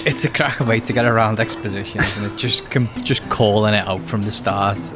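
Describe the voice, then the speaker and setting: A man co-hosting a podcast, chatting casually in a relaxed, rambling way. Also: on the low side, fairly quick, loud music behind the voice. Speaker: podcast co-host. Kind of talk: casual chat.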